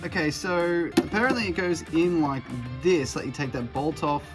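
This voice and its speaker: An electrician vlogger in his thirties, speaking with an Australian accent, casually explains how he installs a car radio himself, in an offhand, self-deprecating manner. His voice is on the high side and moves at a moderate pace. Music plays in the background of this casual DIY vlog.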